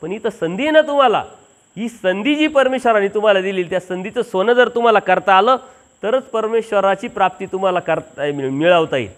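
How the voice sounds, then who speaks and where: High-voiced man preaching at a village satsang. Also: a little fast. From Maharashtra. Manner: acts out the dialogue of the people in his story, earnest and homely. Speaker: Mahanubhav preacher. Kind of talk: village satsang sermon with storytelling.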